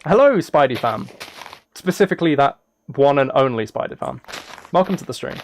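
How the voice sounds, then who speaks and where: Speaking at a normal pace with lively intonation, a mid-range male voice hosts a game livestream and chats casually with his audience. His manner is playful and teasing, prone to rambling side remarks. Keyboard typing and clicks come through in the clear background.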